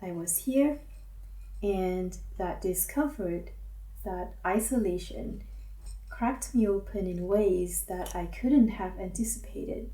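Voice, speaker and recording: An unhurried woman in her forties with a lilt, speaking softly and thoughtfully about her own path. Her voice is warm and mellow, and she is set back from the mic in a roomy, echoing space. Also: medium pitch. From Singapore. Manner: gentle, measured, introspective. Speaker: counselor and academic advisor. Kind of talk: reflective personal monologue. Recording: roomy echo, mic at a distance.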